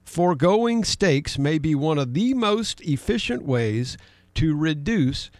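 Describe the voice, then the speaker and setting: A middle-aged man co-hosts a conversational political talk show, reading news headlines aloud and keeping up a running exchange with his co-host. He speaks emphatically and slowly in a slightly high, a little mellow voice with big pitch swings.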